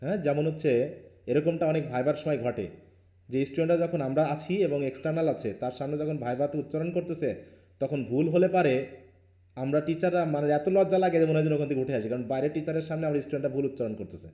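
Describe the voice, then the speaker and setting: A man's voice: on the high side, rapid-fire, warm tone, reverberant. A male teacher from Bangladesh leading a live online class, firm and questioning, mixing Bengali with English.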